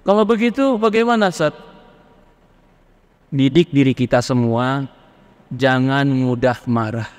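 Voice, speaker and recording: Preacher with a ringing hall echo. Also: male voice, medium pitch, unhurried, pauses often. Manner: lively, acts out questioners from the congregation. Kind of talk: Islamic sermon on marriage. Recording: long hall reverb.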